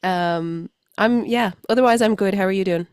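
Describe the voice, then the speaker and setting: A woman co-hosting a relaxed podcast chat, her voice thick and congested from a flu. She laughs easily and keeps things playful. The sound is dry and close. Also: mid-range voice, normal speed, clear, resonant tone, no echo. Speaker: podcast co-host. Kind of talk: casual chat.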